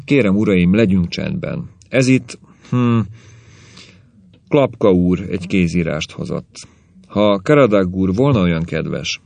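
A man's voice: low voice, lively intonation, vocal fry, a little mellow, no room sound. A man voicing a fussy, bustling middle-aged séance host in a storybook reading.

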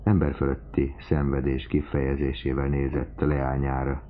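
A man narrating a classic novel as an audiobook, in a measured, even delivery. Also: very deep voice. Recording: tinny phone-like lo-fi recording with faint hiss.

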